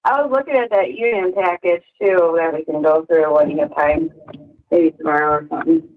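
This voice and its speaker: A woman's voice: low-pitched, steady tone, a little fast. A woman on a recorded prison phone call, talking in an easygoing way with frequent laughs and fillers. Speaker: friend on the outside. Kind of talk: casual phone chat.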